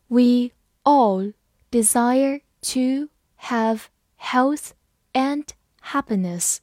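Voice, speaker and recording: A woman whose first language is Chinese teaches English vocabulary in a scripted lesson, spelling each word letter by letter and reading the example sentences slowly. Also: on the high side, a little mellow, no room sound, clean studio sound.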